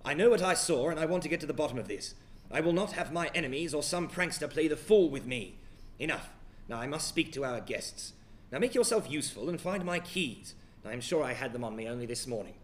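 A haggard, frightened gentleman, voiced by a man speaks in formal, stammering phrases. He has an Australian accent and a gruff edge, and his speech comes out stiff and halting. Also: a little high, expressive, a little hiss or hum, natural voice. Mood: angry. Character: haggard, fearful wealthy older gentleman.

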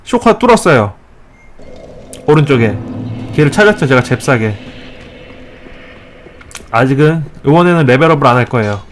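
A man hosting a let's play, giving joking step-by-step tips and scolding the enemies he fights, with sudden excited outbursts. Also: medium pitch, normal speed, pauses often, a little hiss or hum. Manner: playful mock-tutorial tone, scolding enemies. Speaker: gaming channel host.

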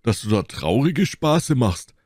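A hot-tempered, blustering musketeer talks loudly and with heavy emphasis, as a male reader puts him on. His voice swings widely in pitch and sounds dry and close. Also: big pitch swings, measured pace, husky, dry recording. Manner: loud, emphatic.

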